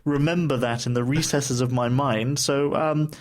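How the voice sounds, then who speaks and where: A man co-hosts a relaxed travel chat show, talking in a loose, playful way. He fills his pauses with ums and uhs and plays around with words. His voice sits at an ordinary middle pitch. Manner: chatty, playful with words, many fillers. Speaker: co-host. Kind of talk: casual podcast chat.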